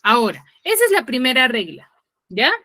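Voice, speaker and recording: A woman teaches an online class over a video call, her voice pitched a little high and strikingly bright. She checks understanding with frequent tag questions and corrects herself mid-sentence, and the sound is close and dry. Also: wildly swooping pitch, moderate pace, dry recording.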